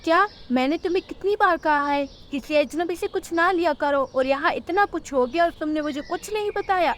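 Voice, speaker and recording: A woman voicing a poor, gentle mother bird in a cartoon, speaking in a soothing, motherly way. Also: very high-pitched, a little fast, slight background noise, pitched above the performer's own voice. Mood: scolding.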